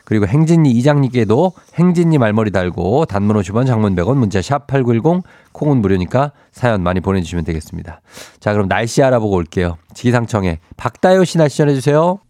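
A man's voice: fairly low pitch, sing-song, fast, hardly any pauses, warm tone, no echo. Guy dj on morning radio, playful chatty banter, dead dry studio mic. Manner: chatty, playful, reads listener texts aloud. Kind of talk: casual morning radio chat. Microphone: studio microphone.

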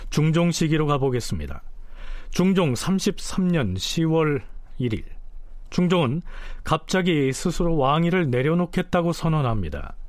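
A man explaining history in a measured lecture style, often posing questions to his listeners. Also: fairly high pitch, very animated, no room sound.

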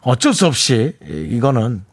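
A male radio host with a rough, gravelly, slightly husky voice. His pitch rises and falls freely and he speaks casually with plenty of fillers. He sounds relaxed in the studio. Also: dry recording. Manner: easygoing, drawn-out pauses, many fillers. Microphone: studio microphone.

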